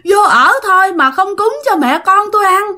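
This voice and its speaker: Hungry female ghost, very high and piercing, wails and scolds; a woman storyteller puts her on with a Southern Vietnamese accent. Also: expressive, normal speed, bright, forceful tone, heavily acted. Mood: wailing. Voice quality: shrill, wailing and scolding. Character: hungry vengeful female ghost mother, wailing then snarling.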